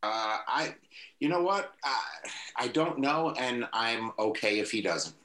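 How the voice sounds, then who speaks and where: Man co-host, lively pitch, casual rambling sports opinions. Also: measured pace. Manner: rambling with many fillers. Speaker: podcast co-host.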